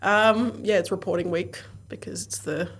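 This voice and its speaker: A woman co-hosting a podcast in casual, chatty talk, self-deprecating and quick to laugh. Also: lowish voice, steady tone, husky. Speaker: podcast co-host. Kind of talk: casual chat.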